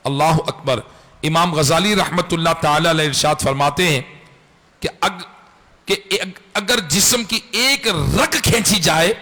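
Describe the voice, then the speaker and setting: A man preaching an impassioned sermon in a mosque, repeating phrases for emphasis and bursting into shouts. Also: high voice. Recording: echoey hall with long reverb.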